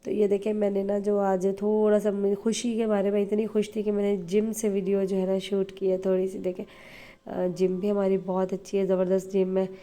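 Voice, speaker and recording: A woman vlogger from Pakistan talks fast and chattily straight to her viewers. Her voice is very dark and mellow and a little hoarse from flu. She speaks in a flat, level tone, full of fillers. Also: mid-range voice. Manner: rapid, chatty, many fillers. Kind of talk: casual vlog talk to viewers.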